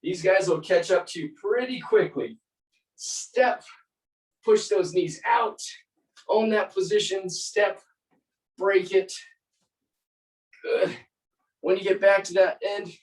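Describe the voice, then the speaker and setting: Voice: medium pitch, fairly even intonation, takes it slowly, pauses often. An aerobics instructor leading a group workout, giving short encouraging commands and counting out repetitions. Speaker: aerobics and fitness class instructor. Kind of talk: live group workout coaching with counted reps. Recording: roomy echo, distant mic.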